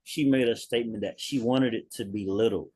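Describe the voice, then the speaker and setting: A man in a writing group sharing his reflections on a video call, slow and thoughtful, repeating key words. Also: medium pitch, dark tone, slightly rough, no echo. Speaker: workshop participant.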